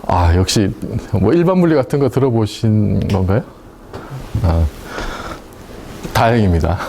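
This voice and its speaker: A man teaching a university class, talking casually and often asking his students questions. His pitch rises and falls a lot, and his voice has a mellow tone. Faint room noise sits under the recording of the lecture hall. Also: animated, unhurried. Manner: chatty, asks the class questions and laughs at his own points.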